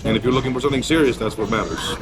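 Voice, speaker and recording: A man's voice: medium pitch, expressive, rapid-fire, music in the background. A man from Poland answering street-interview questions, giving blunt and candid opinions about travel and dating. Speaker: interviewee, business owner.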